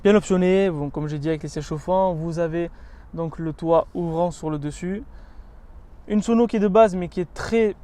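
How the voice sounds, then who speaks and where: A fairly high-voiced car reviewer talks at a normal speed while walking around a car in a casual presentation. He is chatty and descriptive, linking the features he lists with many "donc"s and "euh"s, and leaning enthusiastically into the ones he likes.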